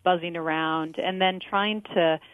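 Calm woman on a tinny phone line. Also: lowish voice, dry recording. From Chicago, USA. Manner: calm, measured, gentle advice with soft fillers. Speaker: guest expert, medical school faculty. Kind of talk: radio interview, giving advice.

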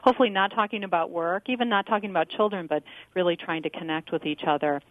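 A woman from Chicago, a guest expert on a radio show, giving advice in a calm, measured way with soft fillers. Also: lowish voice, no room sound. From Chicago, USA. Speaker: guest expert, medical school faculty. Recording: tinny phone line, dry.

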